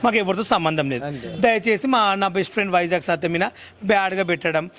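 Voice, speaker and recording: A man's voice: high voice, fast talker, a bit bright. A man speaking in an interview as a friend of the guest, earnest and pleading. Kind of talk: casual interview talk.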